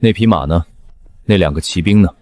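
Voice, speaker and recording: A man voicing a stern, blunt army captain who questions curtly in an animated drama. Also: low voice, fairly quick, close to an everyday voice. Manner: curt, interrogating.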